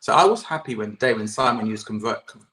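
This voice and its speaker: A man with a fairly low voice speaks earnestly as an interview guest. He often restarts his sentences and trails off with "et cetera". He talks over a video call. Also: lively intonation, fairly quick, sharp tone, rough recording. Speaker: guest, campaign chair. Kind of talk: political interview.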